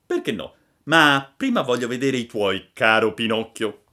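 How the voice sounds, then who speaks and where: A man's voice: mid-range voice, very animated, a little slow, bright, forceful tone. A man voicing a cheeky, lazy schoolboy with a coaxing, teasing manner.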